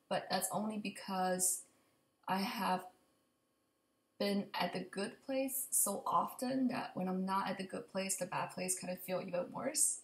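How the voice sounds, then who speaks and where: A young adult vlogger with a mid-range voice, slightly raspy from allergies and often slipping into creak, gives an unplanned, casual update to her computer. She rambles slowly and haltingly in an open kitchen and living room at home. The computer mic sits at desk distance, and the room gives a clear echo.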